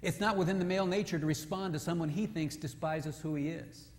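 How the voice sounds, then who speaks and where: A man preaching a sermon with a fairly high voice, telling stories in an animated way and sinking low and soft to drive points home. The sound carries a long reverb from the church hall. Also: a little fast. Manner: animated storytelling, drops low and quiet for emphasis. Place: church sanctuary.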